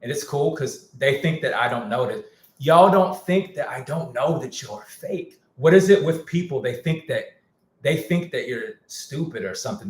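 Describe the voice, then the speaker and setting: This is a casual livestream rant from a male music producer with a mid-range voice in an echoey room. He speaks frankly in slang, repeats himself, and says his voice is giving out.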